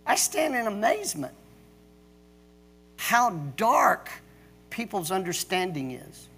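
A middle-aged man preaching a sermon as pastor, emphatic, with pauses and restarts. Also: high-pitched, sing-song, a bit bright.

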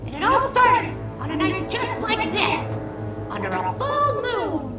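Casting: tiny indignant apple, cartoon, pitched up to an extreme squeak, distant over loud music. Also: male voice, huge pitch swings, measured pace, full character voice. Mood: spooky storytelling. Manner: indignant, insistent storytelling. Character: small, touchy, earnest young male cartoon apple. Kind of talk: cartoon voice acting. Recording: echoey far-off playback over music.

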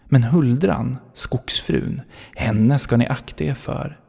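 A man's voice: mid-range voice, gravelly, darkish tone, breathy edge, big-room sound. A man voicing a mother's remembered warning in a solemn, cautionary tone. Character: grave warning mother recalled.

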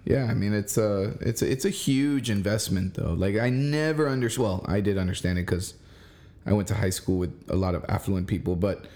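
A man's voice: lowish voice, normal speed, mellow. A man in his forties in casual chat, encouraging and emphatic, speaking straight to the listener. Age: 40s.

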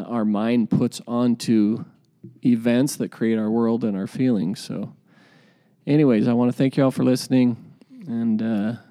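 A man's voice: mid-range voice, warm tone. A man hosting a podcast in a casual, rambling way, with informal buddy slang and musing, hesitant delivery. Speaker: podcast host.

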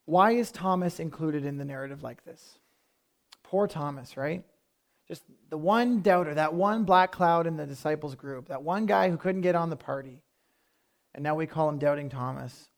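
Man, pastor, sermon, high voice, conversational preaching, firm emphasis. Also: normal speed, creaky.

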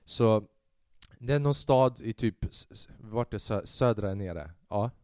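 A young man hosts his own podcast in a casual solo monologue, rambling, mocking himself, swearing a lot, and slipping in English phrases. His fairly low voice is warm, clear, and resonant, captured in a dry, clean studio recording.

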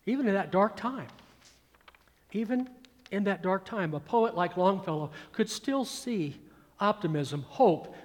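A high-pitched man in his sixties, a pastor from the American South with a Georgia Southern accent, delivers a sermon in a big-room sound. His style is emphatic, full of repeated phrases and verse recited with rising volume.

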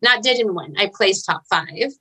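A woman's voice: mid-range voice, animated, unhurried, pushed and bright, breathy edge, poor audio. A woman hairstylist, a guest on an interview, talking in a chatty, effusive way, full of fillers. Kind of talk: casual interview chat.

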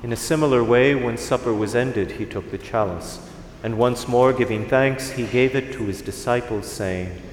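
A priest with a mid-range voice solemnly intones liturgical prayer, his phrasing formal and measured. The large church lends it a long cathedral reverb, and faint noise lingers underneath.

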